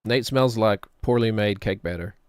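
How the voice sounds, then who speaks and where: A man's voice: fairly low pitch, normal speed, clean tone, no room sound. A middle-aged man giving casual, rambling game commentary in a wry, musing manner, often talking to himself. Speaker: gaming streamer.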